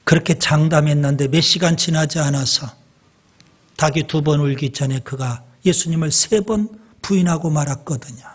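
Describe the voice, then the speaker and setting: A male pastor preaching a sermon in a church, slow and deliberate, pausing for emphasis and addressing the congregation directly. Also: on the high side, slightly rough.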